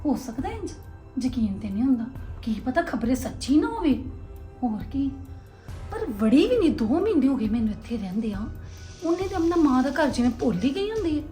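A woman's voice: sits high, sing-song, moderate pace, dark tone, faint music behind. A woman with a Punjabi accent acting a sly, wheedling younger sister-in-law in an amateur family drama. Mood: scheming grumble.

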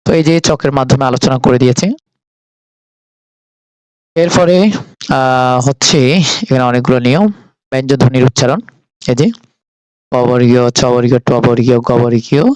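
A man with a Bangladeshi Bengali accent walking students through a textbook in a casual lesson, unhurried, listing terms aloud with frequent filler pauses. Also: medium pitch, steady tone, darkish tone, clean tone, no room sound, rough recording. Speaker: teacher. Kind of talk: casual book walkthrough lesson.

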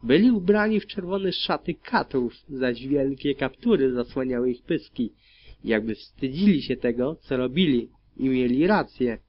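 A man narrating dark fan fiction in the first person as an audiobook, reading in a grim, steady manner. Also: mid-range voice, normal speed. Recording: dull lo-fi recording.

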